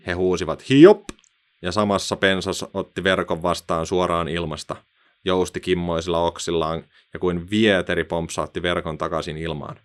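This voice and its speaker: Male narrator, low-pitched, expressive children's story reading.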